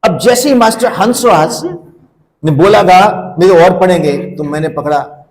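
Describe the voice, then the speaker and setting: High-voiced man telling funny stories. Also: measured pace, a little mellow. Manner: humorous storyteller who breaks into song. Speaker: teacher hosting a session. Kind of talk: storytelling and anecdotes.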